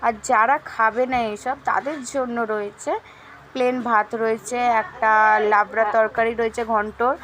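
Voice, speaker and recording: Hoarse chatty woman vlogger. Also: on the high side, fairly even intonation, moderate pace, fairly bright tone. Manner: chatty, addresses viewers directly. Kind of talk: casual voice-over narration.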